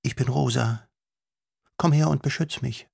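A man voicing a quick, cheeky young female mouse in a children's audiobook, high and eager. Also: gravelly, a little mellow, husky, no echo, studio quality, full character voice. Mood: pleading. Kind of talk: audiobook reading.

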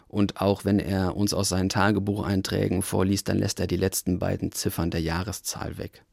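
A man reviewing a crime novel on radio, in a measured way. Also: low voice, little pitch movement, gravelly, darkish tone, dry recording, studio quality. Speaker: book critic.

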